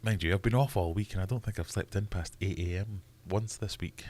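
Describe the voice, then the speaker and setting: Reading his chat aloud and laughing a lot, this Scottish livestream host keeps things chatty and casual. He talks briskly in a low, darkish voice, with slight background noise.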